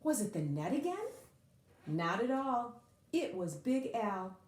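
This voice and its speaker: A woman of medium pitch gives a dramatic, expressive reading of a children's picture book, emphasizing key words by drawing them out, all in a reverberant space.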